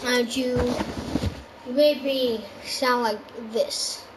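A woman's voice: a little high, fairly even intonation, drawn-out words, background noise. A woman voicing a male agent turned skull trooper, talking in a hesitant, rambling way in an improvised fan role-play. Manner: hesitant, rambling, with many restarts.

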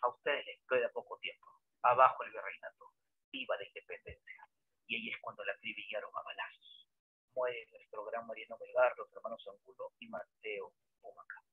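A man, a history teacher giving a lively lecture full of dramatic storytelling and rhetorical questions, heard over a tinny phone-like line. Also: fairly low pitch, fairly quick, slightly rough, no room sound. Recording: dry, tinny phone-like sound.

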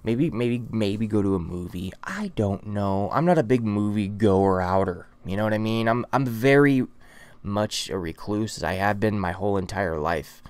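A man's voice: fairly low pitch, animated, normal speed, darkish tone, clean tone, dry recording. A man rambling casually to his subscribers in a vlog, full of fillers and restarts. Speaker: vlogger.

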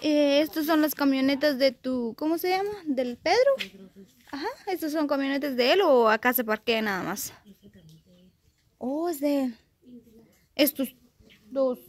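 A woman's voice: sits high, measured pace, long pauses. A woman with a Guatemalan Spanish accent chatting casually as she vlogs and asks questions outdoors on a handheld phone. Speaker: vlogger. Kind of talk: casual vlog chat and informal interviewing. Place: outdoors in a rural hillside yard. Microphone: handheld phone behind the camera. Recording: noisy outdoor phone recording.

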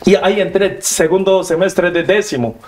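A young man with a Korean accent, a Korean native speaker, telling animated stories as an interview guest in simple learner's Spanish and acting out the scenes. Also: normal speed. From South Korea. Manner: acts out scenes, jumps high for quoted lines, broken learner's Spanish.

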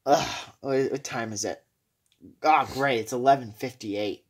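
A woman's voice: very deep voice, unhurried, a little mellow, breathy edge. A woman improvising a home toy-play skit in a dramatic, grumbling, exclaiming way. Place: small room indoors at home. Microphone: handheld camera or phone. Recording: faint noise, clicks, handheld home camera.

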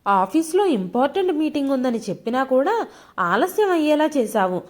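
A woman's voice: sits high, very animated, normal speed. A woman voicing a short-tempered, irritable young husband in a storybook reading, scolding and then consoling his wife.

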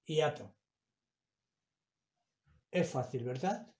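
Slow-talking teacher man, echoey room. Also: fairly high pitch, expressive, a little mellow. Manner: slow, explanatory, stretching example words. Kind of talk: spoken grammar lesson.

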